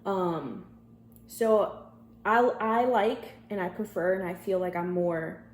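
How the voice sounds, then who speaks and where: A woman with a lowish voice speaks slowly during a phone job interview. As the candidate, she answers informally and somewhat hesitantly, rephrasing as she goes. The room is echoey, with faint background noise.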